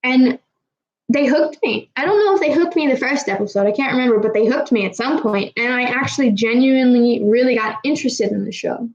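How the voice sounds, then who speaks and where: Answering her chat, a slightly tipsy Kazakh streamer rambles casually, swears freely and has trouble with R sounds. Her voice is on the high side, brisk and a little mellow, and the audio is dull.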